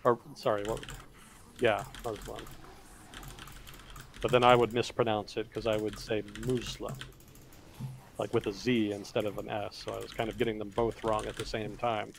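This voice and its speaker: A man co-hosting a casual livestream, explaining world affairs in a measured way with fillers and self-corrections. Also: on the low side, creaky, a little hiss or hum. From United States.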